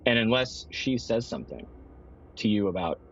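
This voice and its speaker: A guest at a tabletop game improvises a story, explaining it casually and repeating points in other words. He speaks at normal speed in a lowish, fairly bright, sing-song voice, recorded through a dull, slightly lo-fi mic.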